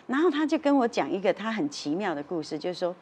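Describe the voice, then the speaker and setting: A woman's voice: medium pitch, very animated, fast, darkish tone, slightly rough. A woman with a Taiwanese accent telling a story on a talk show, acting out the voices of the people in it. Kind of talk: animated storytelling. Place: television studio.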